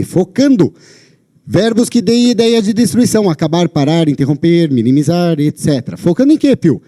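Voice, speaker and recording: A man with a Brazilian Portuguese accent lectures on a lapel mic, his fairly high, mellow voice swinging widely in pitch. He talks with emphasis and keeps checking in with his listeners. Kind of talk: live talk to an audience. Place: lecture venue.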